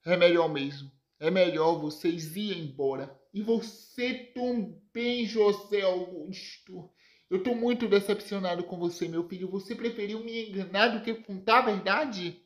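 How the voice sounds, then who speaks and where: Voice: mid-range voice, fairly even intonation, measured pace, few pauses, a little mellow, lightly acted. A narrator voicing an older man, a ranch patriarch who has been deceived, speaking in indignant, accusing questions. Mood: cold, disappointed. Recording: roomy echo.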